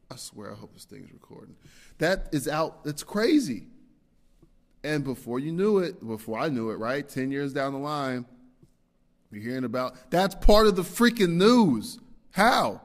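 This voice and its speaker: Rambling man in a reverberant hall. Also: a little high. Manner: rambling and self-deprecating, with frequent fillers and restarts. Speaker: podcast host. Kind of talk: casual solo podcast monologue.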